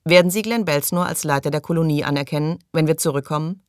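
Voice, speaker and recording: A woman's voice: low voice, fast, smooth, no room sound, studio quality, lightly acted. A woman reading an audiobook and voicing a reserved, wary man who sees himself as an outsider.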